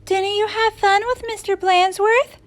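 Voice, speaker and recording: A woman's voice: extremely high pitch, steady tone, a little slow, pitched above the performer's own voice. A woman voicing a kindly, puzzled lady schoolteacher with an emphatic, questioning manner in a children's storybook. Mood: cheerful. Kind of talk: children's storybook read-aloud.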